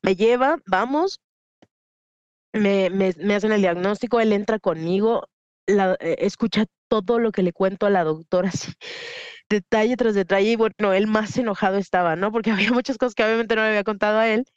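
Mexican woman guest, lively candid storyteller, muffled dry recording. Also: medium pitch, fairly quick, smooth, dry recording. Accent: Mexican Spanish. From Huasteca region, Mexico. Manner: animated, acts out quoted voices, frequent fillers. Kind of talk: candid personal storytelling in a podcast interview. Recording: dull lo-fi dry sound.

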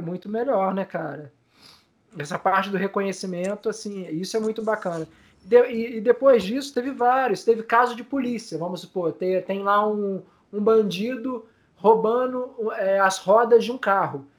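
Tearful high-voiced man. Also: normal speed. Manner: tearful, voice breaking with emotion; many fillers, repeats words. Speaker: guest, community news group founder. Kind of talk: emotional storytelling in interview.

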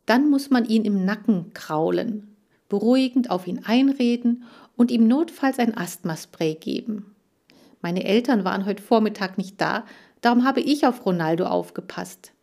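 A woman's voice: medium pitch, moderate pace, creaky, warm tone, voice pushed up. A woman reading a children's audiobook, voicing an agitated, tearful girl who cares for farm animals. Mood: distressed. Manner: agitated, pleading, raised voice.

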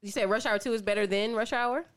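A woman's voice: on the high side, fairly even intonation, quick pace, clean tone. A woman co-hosting a podcast in casual chat, teasing and steering the talk with questions. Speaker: podcast co-host.

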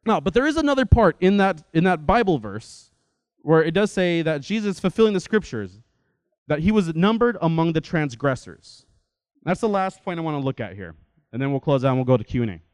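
A young adult man giving a lecture-style talk in a lively, conversational way, often checking in with his listeners. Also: on the high side, brisk, smooth, no echo. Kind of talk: lecture to an audience.

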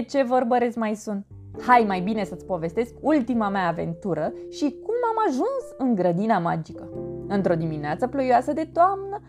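A cheerful little boy earthworm, as a woman puts him on, brags and tells his storybook adventure. The voice sits fairly high and leaps about with playful energy. Music plays steadily behind him. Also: vocal fry. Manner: lively, playful, animated storytelling. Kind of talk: storybook narration in character. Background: background music.

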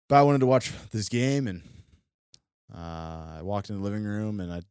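A young man from Florida tells a story on a podcast in a deep, smooth voice. He rambles, restarts sentences and fills gaps with "um" and "like." The sound is close and dry, with no room echo. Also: lively intonation, unhurried, a little mellow. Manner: rambling, full of fillers and restarts. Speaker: podcast co-host. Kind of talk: casual storytelling. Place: studio.

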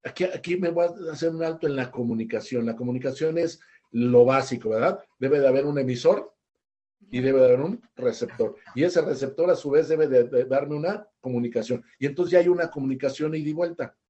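A man's voice: mid-range voice, fairly quick, warm tone, highs cut off. An older man with a Mexican accent, a psychologist explaining ideas to a talk show in a conversational, example-filled way. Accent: Mexican Spanish. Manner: conversational, teaching with everyday examples, many restarts.

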